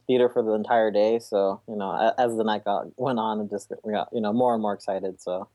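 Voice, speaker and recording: A man's voice: lowish voice, steady tone, a little fast, mellow, no echo. A man guesting on a casual podcast, talking hesitantly with stammers and fillers. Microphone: computer mic over voice chat.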